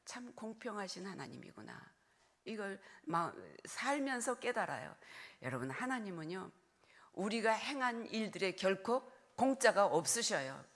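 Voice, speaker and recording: A woman's voice: mid-range voice, very animated, unhurried. A retired older woman pastor preaching a sermon, earnestly urging her congregation to share the burden with her. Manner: earnest pleading, direct address to congregation.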